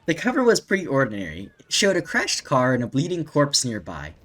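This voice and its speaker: A man's voice: fairly high pitch, wildly swooping pitch, fairly quick, fairly bright tone. Giggly young man reading a story. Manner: giggly, breaks into laughs while reading. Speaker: co-host reading a story aloud. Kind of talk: comedic reading with laughter.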